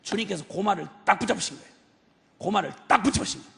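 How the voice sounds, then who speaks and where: A middle-aged man preaching a sermon as a missionary, telling the story dramatically and acting out both God and Jonah, swinging from hushed lines to shouts. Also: high-pitched, rapid-fire, vocal fry. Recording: long hall reverb.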